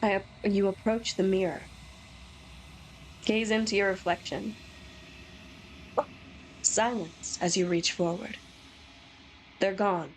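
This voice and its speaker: A woman's voice: mid-range voice, a little hiss or hum, rough recording. A woman streaming a game with playful, casual commentary, reacting aloud and reading text as she goes.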